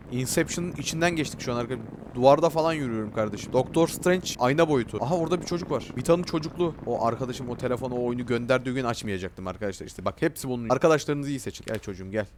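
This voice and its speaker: A young man hosting a gaming channel, giving excitable, slangy commentary with casual swearing while he talks back to the game characters. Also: medium pitch, rapid-fire, few pauses, background noise. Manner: reads on-screen dialogue aloud.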